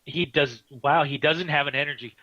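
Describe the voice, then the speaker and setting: A man doing live card game commentary, excitable, laughing often and restarting his sentences. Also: on the high side, normal speed, dry recording, muffled recording.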